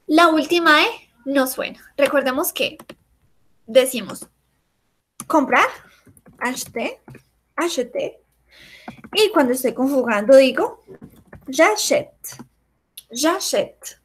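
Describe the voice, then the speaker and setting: A woman teaching a French class, patiently explaining and repeating each example slowly. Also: sits high, a bit bright.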